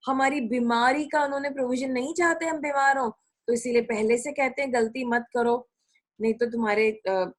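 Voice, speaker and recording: Woman, middle-aged, preacher, sermon, fairly high voice, conversational, repetitive emphasis. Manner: conversational Hindi-English mix, repetitive emphasis.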